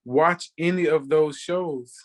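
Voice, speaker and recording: A man with a fairly high voice takes his time telling personal stories as a guest on a podcast. He's a chef in his thirties from Texas, United States. The storytelling is casual and conversational.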